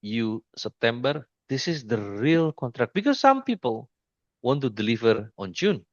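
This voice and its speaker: A trading mentor gives an informal screen-share lesson, speaking haltingly with many restarts and repeatedly pointing to the chart. His voice is medium-pitched with big pitch swings, no echo, and cut-off highs.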